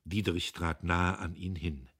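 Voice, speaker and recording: A man narrating a literary audiobook in an expressive, dramatic way that sometimes drops to hushed tones. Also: deep voice, normal speed, breathy edge.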